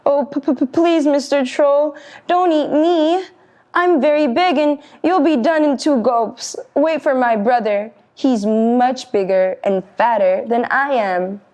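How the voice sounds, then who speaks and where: Storybook goat, middle brother, timid and stammering, very high; woman reader puts it on. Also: slow, hardly any pauses, a little mellow. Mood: stammering scared. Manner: stammering, frightened.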